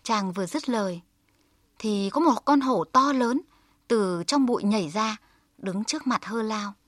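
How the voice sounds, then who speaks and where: Slow, dry-voiced woman storyteller. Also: medium pitch, no echo. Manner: calm, measured storytelling. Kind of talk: folk tale narration.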